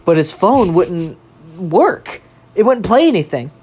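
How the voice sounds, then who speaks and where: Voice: mid-range voice, unhurried, slightly rough. Young adult swearing through a spooky story. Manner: animated, swears freely, laughs while telling. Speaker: podcast storyteller. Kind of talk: casual chat, telling a ghost story.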